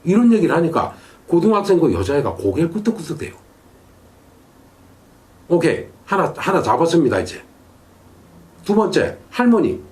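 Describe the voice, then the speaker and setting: A man working as a shaman and exorcist, telling a story in an emphatic, animated way. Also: a little high, normal speed, long pauses. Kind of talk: storytelling monologue.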